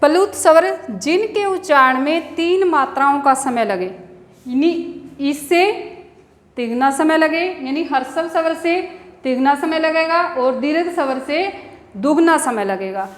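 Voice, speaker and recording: High-voiced woman teaching in an echoey room. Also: animated, a little slow. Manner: explains step by step, asks and answers her own questions. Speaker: school teacher. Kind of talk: classroom grammar lesson. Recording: echoey room with long reverb.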